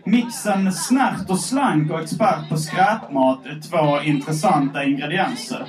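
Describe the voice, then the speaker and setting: A man's voice: on the high side, distant mic, faint music behind, some chatter behind, rough recording. A man hosting a live podcast on stage in front of an audience, chatting with many hesitant fillers. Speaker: podcast host. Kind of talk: live podcast chat, reading listener letters. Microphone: handheld microphone.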